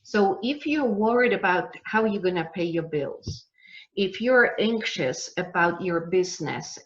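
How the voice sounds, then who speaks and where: A woman business coach giving a live online masterclass, emphatic and motivational, slowing down to stress key words. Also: on the low side, lo-fi sound, a little hiss or hum.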